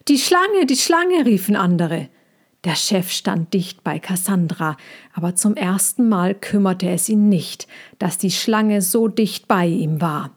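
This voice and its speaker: Slow, measured woman reading a story. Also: on the low side, a little mellow. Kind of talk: reading a children's story aloud.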